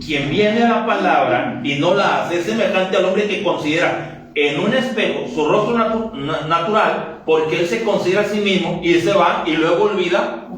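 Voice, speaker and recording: Joking pastor in an echoey church. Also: male voice, high voice, a bit bright, far from the mic. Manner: joking, conversational, acts out quick dialogues. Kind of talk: lively sermon. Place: church sanctuary.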